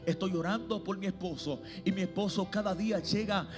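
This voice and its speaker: A male evangelist preaching an impassioned sermon to a church congregation, swinging between hushed and shouted delivery. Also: high-pitched, fairly quick, over music.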